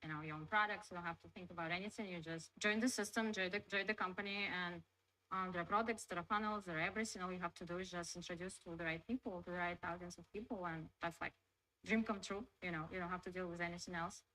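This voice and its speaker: A woman's voice: fairly low pitch, fairly even intonation, quick pace, sharp tone, low-quality recording. A woman from Russia speaking English with a Russian accent as an interview guest. She chats loosely, filling her sentences with "like" and "you know". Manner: chatty, loose phrasing full of "like" and "you know". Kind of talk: casual interview.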